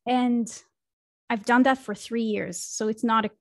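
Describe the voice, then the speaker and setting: Speaking at a measured pace with a slightly high voice and fairly even intonation, a woman from Israel tells her career story on a podcast. She's a marketing consultant, reflective and prone to fillers and restarts, on a video call from a small home room via a studio microphone in a casual interview. There's no room sound.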